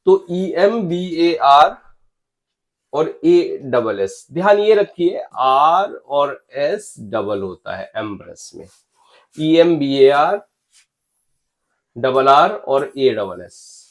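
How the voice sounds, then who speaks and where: A man's voice: fairly high pitch, big pitch swings, extremely slow. A man teaching English spelling for exams, spelling words letter by letter and urging viewers to comment. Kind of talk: exam-prep spelling lecture.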